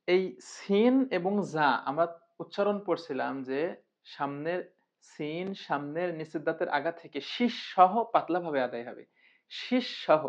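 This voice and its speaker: A man teaching a Quran recitation lesson, drilling the rules in rhythmic chanted refrains and addressing viewers as dear brothers. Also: on the high side. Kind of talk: recorded online tajweed lesson. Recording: muffled lo-fi recording.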